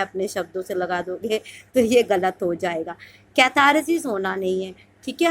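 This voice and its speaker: Woman, exam-prep teacher, slightly high voice, slow deliberate reading of questions, then quicker coaxing explanation. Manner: reads English questions slowly, then explains in quick bursts; coaxing, repeats "ठीक है" often. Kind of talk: Hindi-English mixed lesson.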